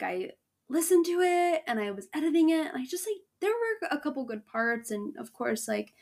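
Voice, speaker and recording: A young woman hosting a faith podcast, talking casually with lots of fillers, restarts and laughs. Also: on the high side. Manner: chatty, frequent fillers and restarts, laughs often. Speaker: podcast host.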